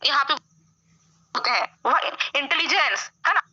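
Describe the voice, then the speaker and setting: A young woman English teacher giving a classroom grammar lesson, explaining slowly and often checking with "है ना?". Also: sits high, expressive, pushed and bright. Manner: explains slowly, keeps asking "है ना?". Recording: dull lo-fi sound.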